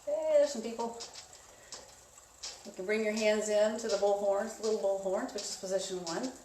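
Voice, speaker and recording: A woman instructing an indoor spin class in a casual, conversational coaching style, giving gently encouraging cues. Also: medium pitch, steady tone, moderate pace. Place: indoors, echoey room. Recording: echoey room, distant mic, clear noise.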